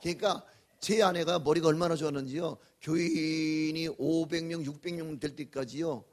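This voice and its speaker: An older man preaching a revival sermon as pastor, folksy and joking, swinging from loud to whispered. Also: fairly high pitch, normal speed.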